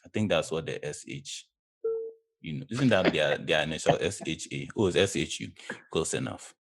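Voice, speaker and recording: A man's voice: extremely low pitch, moderate pace. A man chatting casually about football as a panelist, emphatic and repeating phrases for effect.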